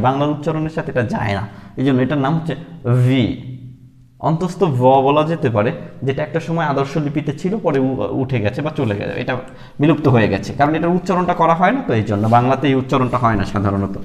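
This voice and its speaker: Man teaching letter sounds, slow. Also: a little high, long reverb tail. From Bangladesh. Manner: repeats sounds slowly, with many fillers. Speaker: English teacher. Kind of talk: explaining letters and sounds step by step.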